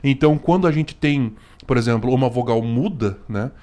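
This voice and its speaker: A man's voice: medium pitch, normal speed, mellow. Chatty Brazilian man full of slang. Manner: chatty, constant "né" and "cara", slangy. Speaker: host reacting to a video. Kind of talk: casual commentary.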